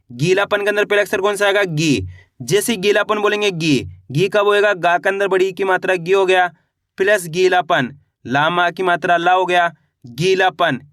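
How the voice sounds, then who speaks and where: A man's voice: sits high, a bit bright, dry recording, studio quality. A man teaching a patient spelling lesson, repeating each word, asking a question and then answering it himself. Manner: repetitive call-and-response, asks and answers own questions. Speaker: Hindi teacher.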